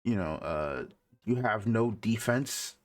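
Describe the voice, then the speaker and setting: A man's voice: on the low side, expressive, slow. A man co-hosting a casual podcast chat, teasing and incredulous as he talks. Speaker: podcast co-host.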